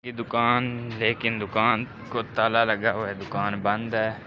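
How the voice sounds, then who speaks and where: A Pakistani vlogger with a slightly sore throat chats directly to his viewers as he strolls down a village lane toward a shop. His voice sits lowish, with flat delivery and a measured pace, and the dull-sounding audio has music underneath.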